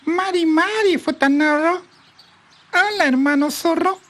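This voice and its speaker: A storyteller voicing a wary female partridge with a high, chirpy, scolding voice. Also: a little slow, a bit bright, slight background noise.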